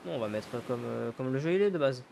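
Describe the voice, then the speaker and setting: A man's voice: medium pitch, expressive, fast talker, creaky, a little mellow, slight background noise. A man giving casual let's-play commentary, thinking aloud, swearing casually and loosely paraphrasing the game's dialogue. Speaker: gaming YouTuber.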